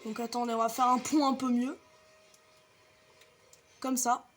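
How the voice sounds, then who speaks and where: A woman's voice: a little high, level tone, a little slow, soft background music. A young woman casually commenting on her gameplay, chatty and explaining each step to viewers with the odd light swear. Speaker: gaming video creator.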